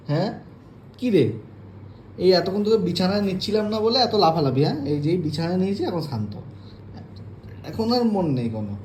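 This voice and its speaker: A man's voice: a little high, darkish tone, echoey room, slight background noise. A man at home talking playfully to his puppy, coaxing and teasing it in a casual baby-talk way. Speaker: dog owner filming his pet. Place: bedroom at home.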